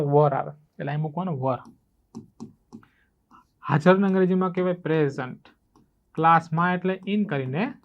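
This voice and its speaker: A male teacher with a Gujarati accent and a high voice explains English grammar step by step. He keeps asking his students whether it is clear, and the recording sounds slightly dull and lo-fi. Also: darkish tone. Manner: asks students rhetorical check questions. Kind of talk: spoken English lesson in Gujarati.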